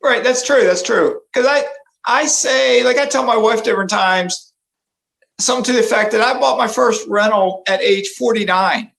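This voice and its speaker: A man's voice: sits high, normal speed, vocal fry, fairly bright tone, poor audio. A man in his fifties hosting a casual interview, affable, repeating facts back to his guest. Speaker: interview host.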